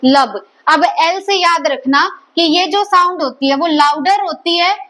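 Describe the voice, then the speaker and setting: A woman delivers a biology lecture in a classroom, her voice pitched high. She keeps checking the class with quick questions and repeats each answer back to them. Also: pushed and bright, low-quality recording. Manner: quizzes students with repeated questions. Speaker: biology teacher.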